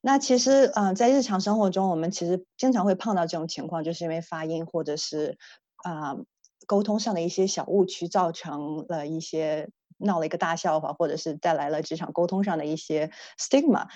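Low-voiced woman speech therapist lecturing. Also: fairly quick, warm tone, no echo. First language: Chinese. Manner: earnest, explanatory, frequent hesitations. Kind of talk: online lecture. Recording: dull, dry lo-fi sound.

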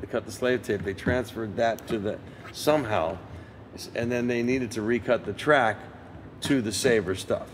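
An older man with a somewhat low voice, chatting in an interview about his recording sessions. He tells his stories animatedly and slips into the voices of the people he quotes. A faint hum of ambience sits behind him. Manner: animated storyteller who acts out quoted voices. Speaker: session guitarist. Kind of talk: casual interview storytelling.

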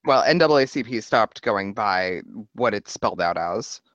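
Lively, joking man co-host. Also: fairly low pitch, normal speed, no room sound. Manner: animated, joking, expressive. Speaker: podcast co-host. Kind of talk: casual chat. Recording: dry, slightly dull lo-fi recording.

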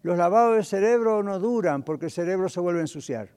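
A middle-aged male pastor preaching a sermon, animated and full of rhetorical questions. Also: sits high, fast, clear, resonant tone. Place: church hall. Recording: long hall reverb.

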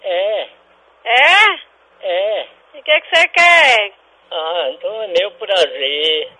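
A man playing a cranky, suspicious old father who answers the phone gruffly and hurls insults. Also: high voice, sing-song, extremely slow, bright, forceful tone, exaggerated voice, poor audio. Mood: irritated. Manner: gruff, insulting, keeps demanding who is calling. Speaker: prank call character. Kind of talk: comic radio prank call.

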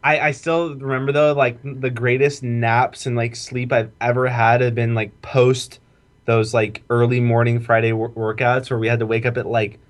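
A man's voice: medium pitch, little pitch movement, normal speed. A young man, a former college football player, telling a story in casual chat, with constant filler words and swearing. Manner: rambling, heavy "like" filler, profane. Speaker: podcast co-host, former college football walk-on.

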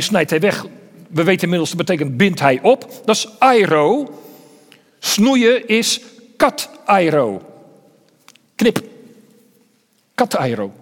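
A man preaching a sermon in an earnest way, often repeating words and dropping into hushed tones. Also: high-pitched, long reverb tail.

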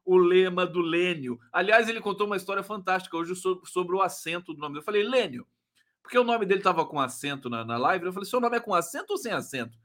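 A man with a Brazilian Portuguese accent hosting a live stream, gleefully reading viewer comments in an excitable, chatty way. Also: high-pitched, fast. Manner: gleeful and excitable, breaks into shouts and laughs.

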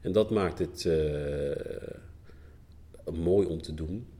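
A man, a poet guest, talking reflectively about his writing in a halting, searching way with many restarts. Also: a bass voice, dark tone. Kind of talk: reflective conversational interview.

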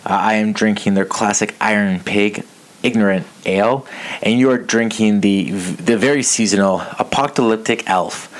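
A man's voice: fairly low pitch, moderate pace. A man in his thirties chatting casually as the host of a podcast. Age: 30s. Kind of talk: casual chat.

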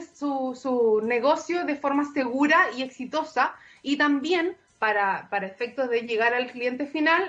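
A woman's voice: high voice, a bit bright, lo-fi sound. A woman, a marketing manager, giving fluent corporate answers in a radio interview.

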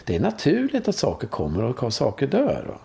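Interview guest: Swedish man in his fifties, swings his pitch widely, chatty storyteller who keeps checking in with the listener. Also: creaky. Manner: animated storytelling, frequent "va?" tags, swearing. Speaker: guest, course leader in sexuality and breathwork. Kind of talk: conversational interview.

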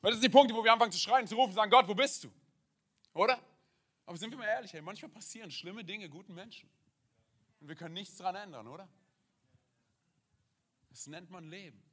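Male pastor, high bright voice, energetic sermon delivery peppered with "hey". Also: quick pace, long pauses, slightly rough. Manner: energetic preaching with frequent "hey" interjections.

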